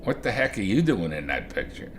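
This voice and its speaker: An older man quoting his gruff, stern father, who never gave praise. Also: low-pitched, very animated, brisk, fairly bright tone, slight background noise, pitched below the performer's own voice, heavily acted. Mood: scornful.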